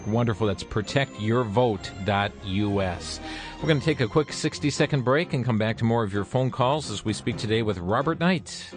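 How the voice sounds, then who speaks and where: A man hosting a call-in talk radio show, speaking with smooth radio host delivery as he takes callers and points listeners to information. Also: mid-range voice, expressive, normal speed, faint music behind.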